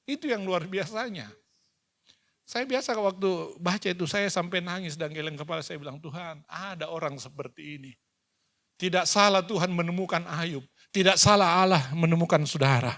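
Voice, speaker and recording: A male pastor preaching a sermon, retelling scripture with animated acted-out dialogue. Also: sits high, normal speed. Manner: animated storytelling, acts out dialogue. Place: church hall.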